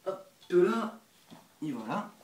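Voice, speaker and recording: A man's voice: sits high, very animated, slow pace, background noise. A man giving a casual show-and-tell vlog of his builds, hesitant and chatty, with many fillers and little apologies, recorded on a nearby camera mic at home. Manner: hesitant and chatty, frequent 'euh', 'hop' and 'voilà' while handling pieces; self-deprecating asides and apologies. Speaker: LEGO builder showing his models.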